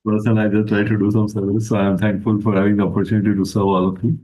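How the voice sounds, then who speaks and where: A man giving a slow, reflective spiritual talk over a video call, lifting his pitch for emphasis. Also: little pitch movement, mellow, rough recording. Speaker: guest speaker.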